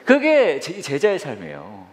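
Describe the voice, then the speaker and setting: A middle-aged man preaches as a senior pastor, his fairly high voice swooping up and down as he jokes. He acts out quick scenes in squealing voices. The sound rings out with a long reverb, as in a church sanctuary. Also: huge pitch swings. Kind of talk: humorous sermon.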